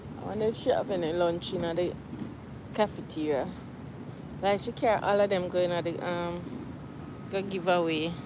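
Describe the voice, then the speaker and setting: A woman's voice: on the low side, steady tone, moderate pace, long pauses. A woman with a Jamaican accent, winded from walking and sighing, chatting casually to livestream viewers outdoors. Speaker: livestream host. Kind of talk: casual live chat with viewers. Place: outdoors on a campus. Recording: noisy outdoor ambience with traffic.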